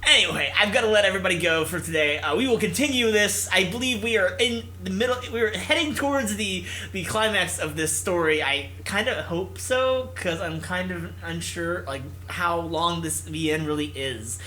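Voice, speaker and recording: At a normal pace but with hardly any pauses, a man with a high, bright, forceful voice reads a visual novel aloud, a little background noise behind him. He hosts the playthrough with casual commentary, goofing around theatrically and giving the characters their own voices.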